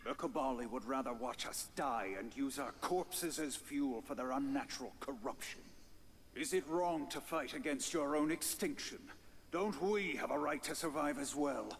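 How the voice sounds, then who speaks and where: A man's voice: medium pitch, normal speed, lightly acted. Male actor as a proud alien warlord in a game, villainous, declamatory, light background hiss. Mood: indignant.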